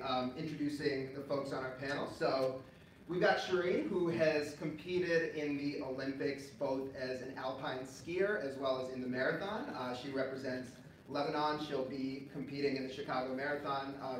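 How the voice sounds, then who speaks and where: A man hosting a live event panel, introducing the athletes in an upbeat announcing manner with some fillers. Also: mid-range voice. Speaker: event host. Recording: echoey, distant mic, noisy ambience.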